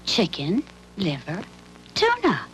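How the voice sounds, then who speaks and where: A woman's voice: medium pitch, huge pitch swings, takes it slowly, a bit bright, a little hiss or hum, exaggerated voice, rough recording. A woman playing a doting cat owner, coaxing in a chipper sing-song for a vintage TV ad. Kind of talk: acted role in a vintage TV commercial.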